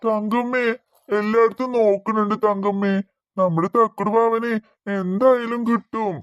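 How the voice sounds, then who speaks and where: A woman voicing a gentle cartoon village woman, soothing and coaxing her grieving friend. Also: medium pitch, steady tone, normal speed, dry recording, natural voice. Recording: faint music behind the voice.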